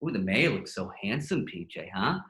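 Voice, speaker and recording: A man's voice: fairly low pitch, very animated, normal speed, a bit bright, roomy sound, voice pushed down. A man putting on his mother's voice as a teasing, nagging parent who needles her grown son. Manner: sarcastic, zinging.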